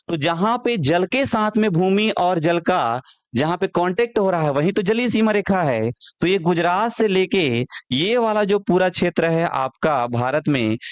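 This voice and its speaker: Man, exam tutor, high voice, dry close mic, repeats facts. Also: clean tone, no echo. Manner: asks questions and answers them himself, repeats key facts. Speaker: exam-prep teacher. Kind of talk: online classroom lecture.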